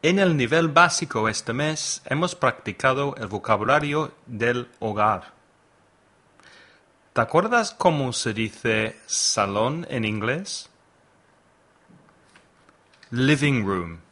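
Speaking at a very slow, careful pace, a man teaches a language lesson on his podcast, a deliberate English drill session. His pitch rises and falls in a lively way as he patiently has the listener repeat each word.

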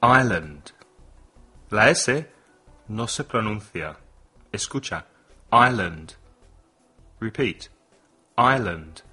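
A man hosting a bilingual English lesson podcast, leading slow, deliberate vocabulary drills with lots of repetition. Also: lowish voice, expressive, bright, forceful tone, slightly rough, soft background music. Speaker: English teacher and podcast host.

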